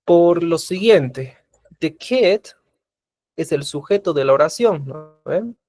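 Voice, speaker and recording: A man's voice: fairly high pitch, expressive, takes it slowly, darkish tone. A man teaching an English class, patiently repeating examples and asking his students questions. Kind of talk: recorded class lecture in Spanish.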